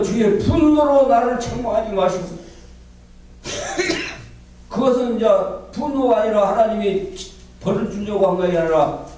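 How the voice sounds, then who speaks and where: A man's voice: high voice, warm tone. A male pastor preaching a sermon in an emphatic, repetitive way, calling out hallelujahs and tossing rhetorical questions to the congregation. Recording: very echoey hall, speaker far from mic, faint noise.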